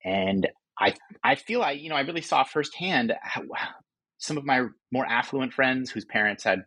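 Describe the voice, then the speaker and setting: A man's voice: medium pitch, expressive, normal speed, pushed and bright, husky, no echo, poor audio. A man in his forties from California, an author answering interview questions thoughtfully, often restarting his sentences. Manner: thoughtful, with frequent restarts and fillers. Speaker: author and guest.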